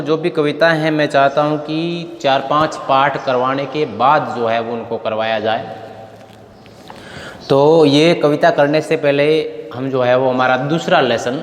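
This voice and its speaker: A man's voice: medium pitch, a bit bright. A male school English teacher explaining a lesson and spelling out words one letter at a time, then giving their meanings. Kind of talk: recorded classroom lesson. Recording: roomy echo with long reverb and faint noise.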